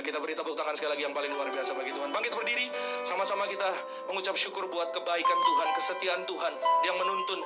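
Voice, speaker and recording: A male pastor telling a story in a sermon, acting out the people in it and turning to the congregation again and again. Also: on the high side. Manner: animated storytelling, acts out dialogue, addresses the congregation often.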